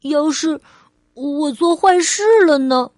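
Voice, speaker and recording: A woman voicing a curious little girl who keeps asking whether she is still loved, in a raised, louder child voice. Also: takes it slowly, no echo, clean studio sound. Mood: pleading. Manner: asks questions in a higher, louder child voice.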